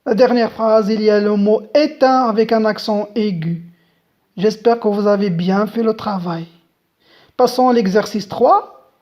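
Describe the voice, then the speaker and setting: A woman's voice: on the high side, warm tone. A woman teaching a French grammar lesson, patiently spelling out letters and talking straight to the viewers. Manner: slow, deliberate, spells out letters; patient, addresses viewers directly.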